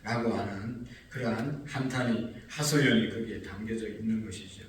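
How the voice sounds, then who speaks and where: A man's voice: lowish voice, normal speed, slight background noise. A man preaching an early-morning sermon as pastor, earnest and rising in emphasis when he quotes scripture. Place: church sanctuary. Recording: echoey distant mic with faint ambience.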